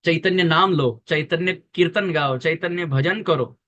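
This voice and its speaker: A man giving a devotional sermon, explaining earnestly with emphatic repetition and chanting verses in a slow, drawn-out voice. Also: a little high, bright, forceful tone, muffled recording. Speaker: preacher.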